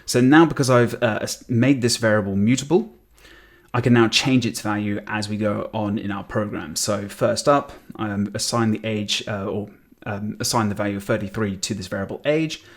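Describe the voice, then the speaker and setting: A man's voice: on the low side, steady tone, normal speed. A man in his thirties teaching programming, thinking aloud with frequent ums and self-corrections as he types. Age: 30s. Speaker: programming tutor. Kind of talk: screen-recorded coding tutorial.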